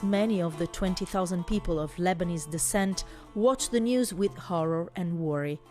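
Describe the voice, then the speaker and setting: A woman's voice: lowish voice, darkish tone. A woman reporter reading a scripted news voice-over.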